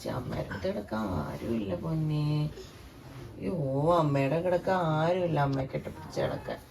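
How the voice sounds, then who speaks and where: A woman in a family vlog, talking tenderly to a toddler and the viewers in a soft, drowsy tone. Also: low-pitched, sing-song, fairly quick, creaky, a crowd in the background. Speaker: parent vlogger.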